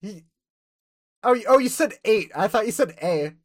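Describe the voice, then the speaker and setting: A woman streamer chats casually with friends while gaming, swearing, laughing and stumbling into rambling restarts. Her medium-pitched voice is expressive and moves at a normal speed.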